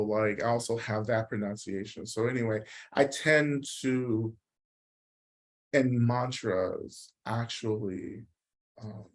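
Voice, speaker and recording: A man teaching a Buddhist practice session, explaining ideas in a reflective way and often checking in with "right?". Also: lowish voice. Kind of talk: dharma talk answering questions.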